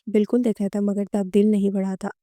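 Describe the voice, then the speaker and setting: A woman's voice: medium pitch, flat delivery, brisk, warm tone, no echo, clean studio sound, lightly acted. A woman voicing a self-assured young husband who teases playfully and unhurriedly in a recorded novel reading. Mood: teasing.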